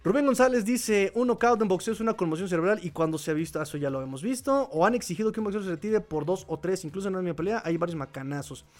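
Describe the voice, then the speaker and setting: A man's voice: sits high, expressive, fast, few pauses. A Mexican man hosting a live podcast, reading chat comments and giving opinions in a chatty, laughing way. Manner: chatty, opinionated, laughs often, repeats phrases. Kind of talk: casual live-stream commentary.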